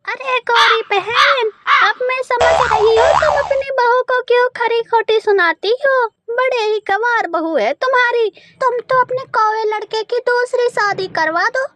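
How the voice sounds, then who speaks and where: A woman voicing a loud, gossipy female sparrow neighbor in a cartoon. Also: extremely high pitch, unhurried, hardly any pauses, noisy background, voice pushed up. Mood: indignant.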